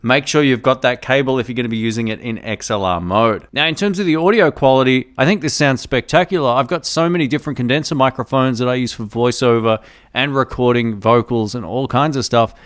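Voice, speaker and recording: A tech reviewer with a mid-range voice gives a relaxed, enthusiastic, brisk product review to camera, explaining each step into a tabletop condenser microphone. He varies his loudness for gain tests, and he's in a room at home with a fridge nearby.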